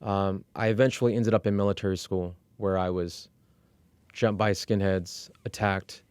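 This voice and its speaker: A middle-aged man from Iran, working as an executive coach, telling his life story as a guest in a candid, measured way, with fillers and restarts. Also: deep voice, little pitch movement, a little mellow, smooth, no room sound. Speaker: interview guest.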